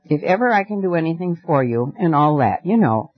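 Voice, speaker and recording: A man reading a storybook aloud and voicing an arrogant young male hunter who talks in a brisk, offhand way. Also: fairly high pitch, big pitch swings, no room sound. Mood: careless arrogant. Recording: dry, dull lo-fi recording.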